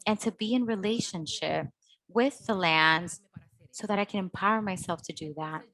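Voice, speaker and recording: A woman's voice: mid-range voice, moderate pace, fairly bright tone, low-quality recording. A woman hosting a healing workshop, speaking hesitantly with many fillers and restarts. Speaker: host. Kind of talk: workshop talk.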